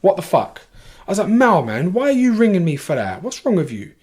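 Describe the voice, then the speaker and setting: A man with a London accent, a podcast guest telling a long story in a casual way, animated, swearing freely and restarting his sentences. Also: high-pitched, brisk, slightly rough.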